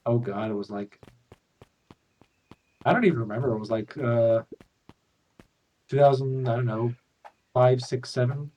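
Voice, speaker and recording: A man in his thirties making halting, casual chat during a game stream, recorded on a distant mic. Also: medium pitch, a little mellow. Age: 30s.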